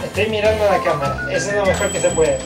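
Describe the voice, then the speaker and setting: A man giving excited commentary while playing a motion game at home, chanting repeated cheers and shouting, picked up by a camera mic at a distance. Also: sits high, fast. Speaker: gamer filming himself. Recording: loud game music over voice.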